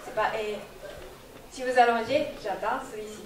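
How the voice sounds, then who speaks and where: A woman teaching a live language class to a festival audience, repeating words slowly so the class can echo them. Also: fairly high pitch, fairly even intonation, slight background noise. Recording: echoey hall from far off, audience.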